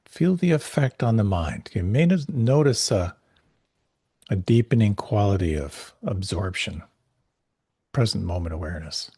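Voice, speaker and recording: Low, husky man guiding meditation. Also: expressive, no echo, clean studio sound. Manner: gentle, unhurried, soothing instruction with pauses. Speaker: meditation teacher. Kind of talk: guided meditation class.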